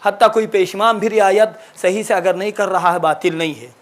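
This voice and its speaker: A man teaching the rules of Quran recitation, answering a student's question and explaining with repeated examples. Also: high voice. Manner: explanatory, repeats and corrects himself. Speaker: religious teacher.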